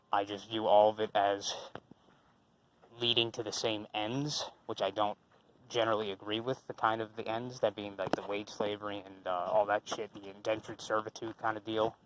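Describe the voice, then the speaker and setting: This low-quality recording, with a little hiss or hum, captures a young man with a fairly low, fairly bright voice. As a channel host, he gives a rambling, unscripted commentary response, using lots of fillers and restarts and swearing casually.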